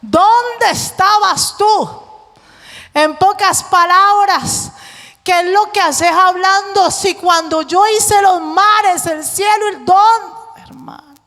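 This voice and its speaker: Animated woman preaching. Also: extremely high pitch, slow pace. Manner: animated, acts out voices, jokes with the congregation. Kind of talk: lively sermon. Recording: long hall reverb.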